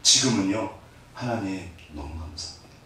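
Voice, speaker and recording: A man's voice: low-pitched, animated, normal speed, pushed and bright. A middle-aged man preaching a sermon as pastor, joking with the congregation and acting out little scenes. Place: church hall. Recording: echoey hall, mic at a distance, faint noise.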